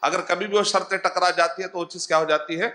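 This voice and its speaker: Hyderabadi guy in his 40s giving a religious talk, bright forceful voice, kinda high, slows down on the arabic words. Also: fairly even intonation. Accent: Hyderabadi Urdu. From Hyderabad, India. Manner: explains terms slowly, spells out Arabic words and mixes in English words. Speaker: Islamic scholar. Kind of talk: religious lecture.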